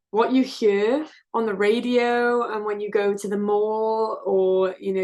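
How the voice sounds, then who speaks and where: A woman's voice: mid-range voice, darkish tone. A woman, a singer-songwriter answering interview questions in an earnest, reflective way. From South Wales, UK. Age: 20s. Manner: earnest, open, reflective storytelling.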